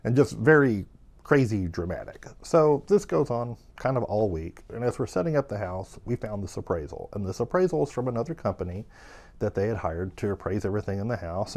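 A man with a somewhat low voice tells a rambling anecdote about his work. He keeps it animated and casual, filling gaps with easy fillers. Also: breathy edge. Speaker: estate sale business owner. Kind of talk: casual storytelling.

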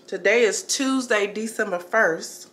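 A woman's voice: medium pitch, measured pace, fairly bright tone. A woman chatting casually to her viewers in a home vlog, calling them family and y'all. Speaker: vlogger. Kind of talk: casual vlog chat to camera. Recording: echoey room, faint background noise.

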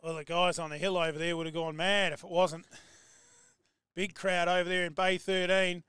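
An Australian man calling live football play-by-play, excitable and rising to shouts on big plays. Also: high voice, moderate pace, clean tone, no echo, studio quality. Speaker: football commentator.

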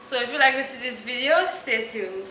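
A woman's voice: on the high side, lively intonation, a little fast. A woman playing a casual song association game as a guest, playfully singing snippets. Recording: echoey room with faint noise.

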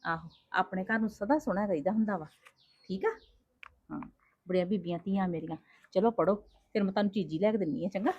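A woman's voice: high voice, dull audio, lightly acted. A woman playing a strict but loving mother who scolds and coaxes her daughters in a family drama. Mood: soothing. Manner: quick, scolding, then coaxing. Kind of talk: homemade family drama acting.

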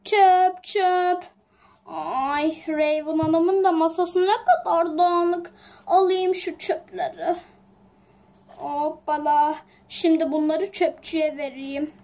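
A woman's voice: very high voice, fairly even intonation, takes it slowly, darkish tone, heavily acted. A woman voicing a polite, timid office cleaner in a homemade toy drama, deferential and hesitant. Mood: busy. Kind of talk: toy-figure home drama.

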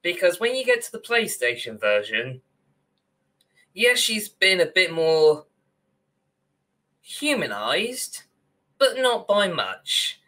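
High-pitched and sing-song, his voice moves slowly, pausing often, and sounds pushed and bright. The young man is a podcast co-host on a video call from a room, ranting opinionatedly through a casual talk about films and games.

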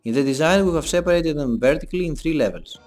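A young man giving a scripted voice-over for a design presentation, in a measured, explanatory read. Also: a little high, lively intonation. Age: young adult. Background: soft background music.

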